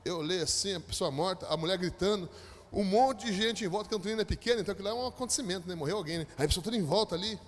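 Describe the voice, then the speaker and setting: Brazilian pastor guy preaching, high voice, big dramatic swings, echoey church hall. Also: very fast, a little hiss or hum. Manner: dramatic storytelling, voice rising to loud high peaks. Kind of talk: sermon storytelling. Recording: long echo of a church hall.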